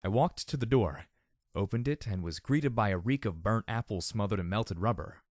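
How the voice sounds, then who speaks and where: A man narrating an audiobook in a steady first-person reading. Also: fairly low pitch, moderate pace, no echo, clean studio sound.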